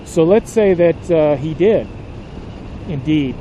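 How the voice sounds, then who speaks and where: A man making a somber motorcycle vlog, talking slowly and haltingly and choking back emotion. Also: fairly high pitch, animated, dark tone, highs cut off, slight background noise. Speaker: motorcycle vlogger.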